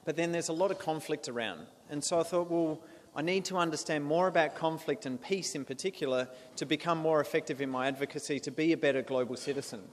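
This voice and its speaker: A man's voice: fairly high pitch, quick pace. An Australian man from South Australia in his thirties, giving an earnest talk to a club with frequent restarts and fillers. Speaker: guest speaker. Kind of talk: presentation to a club. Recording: echoey hall with faint noise.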